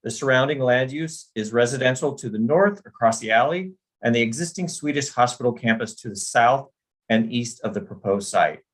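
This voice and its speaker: A man's voice: mid-range voice, expressive, moderate pace, low-quality recording. A man from the city planning department giving a formal presentation on a video call, reading steadily from a prepared script.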